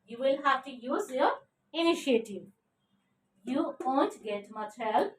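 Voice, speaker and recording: Slow high-voiced woman teaching vocabulary. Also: expressive. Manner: spells out words letter by letter, often asks "okay?". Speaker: English teacher. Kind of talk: vocabulary lesson. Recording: echoey room, voice a bit far from the mic.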